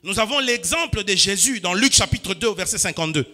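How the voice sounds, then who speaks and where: Preaching a sermon with fervor and a brisk pace, this bright, high-voiced Congolese pastor uses lively intonation, shifting from quiet asides to ringing shouts that spark call and response from the congregation. The church hall gives his voice a long, trailing reverb.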